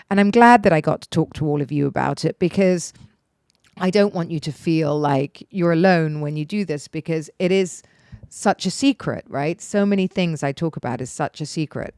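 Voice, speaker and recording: A woman's voice: fairly low pitch, darkish tone, smooth, no room sound, clean studio sound. A middle-aged woman hosting a podcast, talking bluntly and emphatically, swearing freely and repeating words for emphasis. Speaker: podcast host. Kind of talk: candid solo podcast monologue.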